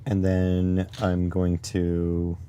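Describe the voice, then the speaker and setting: Slow, deep-voiced raspy man tinkering. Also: completely flat delivery, background noise. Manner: muttering to himself while working, reading chat aloud. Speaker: streamer. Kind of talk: casual live-stream electronics tinkering.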